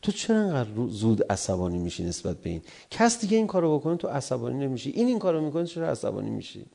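A man's voice: mid-range voice, very animated, creaky, warm tone. A middle-aged man, a cleric, giving a sermon about love and anger, acting out quarrelling spouses in raised voices.

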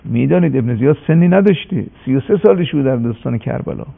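A man giving a sermon-like religious story, impassioned and slowing down for emphasis on a radio broadcast. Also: mid-range voice, animated, vocal fry, breathy edge. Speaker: religious speaker. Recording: tinny phone-like radio broadcast.

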